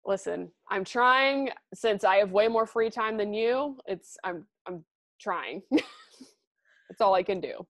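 A woman's voice: mid-range voice, lively intonation, takes it slowly, a bit bright, no echo, clean studio sound. A woman co-hosting a podcast in casual, informal banter, swearing freely. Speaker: podcast co-host.

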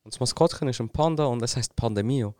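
A man's voice: medium pitch, quick pace, dark tone, no room sound. Young Swiss German man, podcast co-host, casual hesitant storyteller, dry sound. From Switzerland. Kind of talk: casual chat.

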